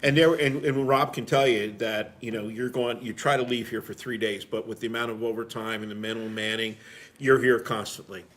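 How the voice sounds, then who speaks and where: This middle-aged firefighter tells stories in casual conversation, blunt and salty in his everyday way of talking. His voice is mid-range and a bit bright, with fairly even intonation and a slightly quick pace.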